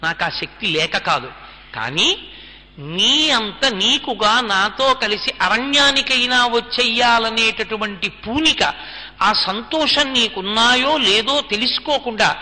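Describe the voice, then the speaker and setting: A man voicing a devoted young prince speaking tenderly to his wife, in a gentle, earnest retelling with long hall reverb. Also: very high-pitched, animated, slow pace, heavily acted.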